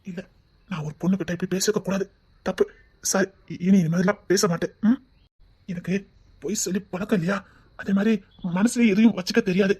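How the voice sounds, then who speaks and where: A shy, devoted young man, acted by a woman, speaks with a Tirunelveli accent in a husky, breathy voice. He stammers and hesitates, apologizing softly. It is web-series drama acting, tender and earnest. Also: mid-range voice, fairly even intonation, a little fast, long pauses, natural voice. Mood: shy, apologetic. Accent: Tirunelveli Tamil.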